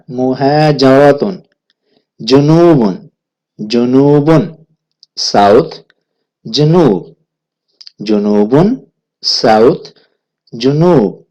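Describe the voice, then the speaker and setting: A man with a Pakistani Urdu accent leads a vocabulary lesson at a very slow pace. He repeats each word deliberately before he gives its meaning. His voice sits at a middle pitch. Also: a little mellow. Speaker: language teacher.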